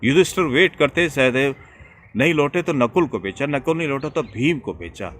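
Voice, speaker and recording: Male spiritual speaker, storytelling sermon, animated, hushed drops, faint hiss behind. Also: medium pitch, normal speed.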